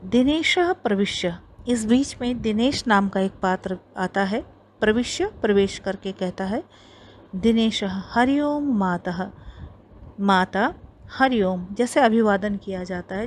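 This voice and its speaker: A woman's voice: mid-range voice, a little hiss or hum. A woman with an Indian accent teaches a Sanskrit lesson, reading each line and explaining it in Hindi.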